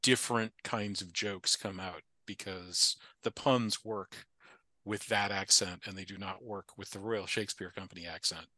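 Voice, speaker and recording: A man's voice: fairly low pitch, fairly even intonation, normal speed, bright, forceful tone, no room sound. A man from the Appalachian United States, a podcast guest talking casually, thoughtful and digressive with frequent restarts. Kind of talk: casual conversation.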